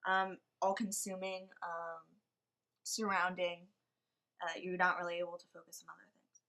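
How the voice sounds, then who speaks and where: A teenage girl co-hosting a casual podcast chat, soft-spoken, gushing and playful. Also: lowish voice, little pitch movement, normal speed. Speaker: podcast co-host.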